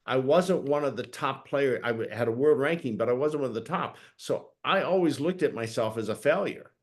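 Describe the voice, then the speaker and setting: A man's voice: medium pitch, lively intonation, brisk. Earnest man giving motivational talk. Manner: earnest, encouraging, addressing the audience. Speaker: host, coach. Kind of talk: motivational talk on a video call. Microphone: video call.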